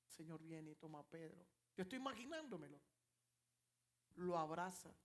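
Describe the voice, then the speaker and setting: A male pastor preaching an impassioned, dramatic sermon. He moves between loud passages and hushed ones. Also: a little high, expressive, normal speed.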